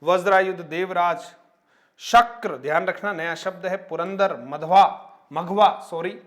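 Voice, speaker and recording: A man's voice: sits high, steady tone, unhurried, a bit bright. A man teaching an exam-prep Hindi grammar lesson, rattling off lists of synonyms and stopping to flag the new words and their spellings. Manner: addresses viewers as friends, frequent tag questions.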